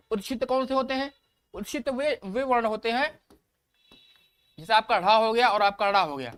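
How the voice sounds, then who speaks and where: A man's voice: high voice, fairly bright tone, clean tone, no echo. A male teacher giving an online exam-prep class. He repeats key points, asks the class questions, calls his students brother and praises their answers.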